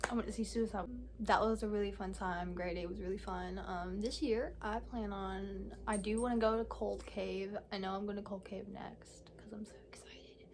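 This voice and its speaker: An eighteen-year-old woman talking candidly in a casual vlog, halting often with fillers and pauses. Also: mid-range voice, steady tone, background noise. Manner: candid and soft-spoken. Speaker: vlogger. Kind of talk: casual personal vlog talk.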